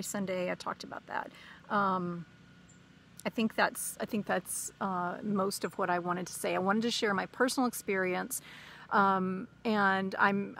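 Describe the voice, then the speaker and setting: Woman vlogger, gravelly, mid pitch; rambly and sleep-deprived, casual personal monologue. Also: a bit bright, slight background noise. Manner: rambling, many fillers and restarts. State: short on sleep, caffeinated. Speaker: spiritual vlogger.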